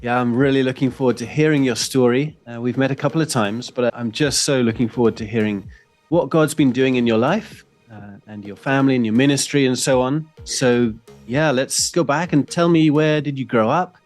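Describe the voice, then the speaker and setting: A man hosts a faith podcast, welcoming listeners and asking his guest warm, encouraging questions at a mid pitch. Soft music hums faintly behind his voice. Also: moderate pace. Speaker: podcast host. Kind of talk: podcast interview.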